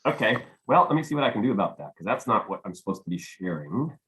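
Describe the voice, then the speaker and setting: Low-ish guy on a zoom call, bit hoarse, chatty and easygoing. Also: sing-song, fast, a bit bright, rough recording. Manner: chatty, easygoing, mutters while working. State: losing his voice. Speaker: host. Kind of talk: casual Zoom tech check. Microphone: computer mic on video call.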